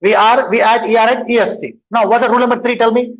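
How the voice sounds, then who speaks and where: Guy teaching english, slow and deliberate, keeps quizzing himself, muffled lo-fi audio. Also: very high voice, fairly even intonation. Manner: keeps asking and answering his own questions; switches between English and Hindustani explanation. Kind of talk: bilingual classroom lesson.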